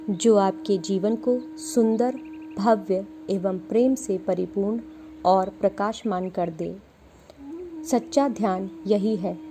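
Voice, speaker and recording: A woman reading a spiritual talk as an audiobook, in a measured, reflective way. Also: medium pitch, mellow, slight background noise. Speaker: audiobook reader.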